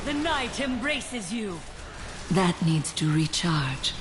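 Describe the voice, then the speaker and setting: Solemn, slow-speaking necromancer game hero. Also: mid-range voice, sing-song. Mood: solemn, cryptic. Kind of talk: video game voice acting. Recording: game audio under music.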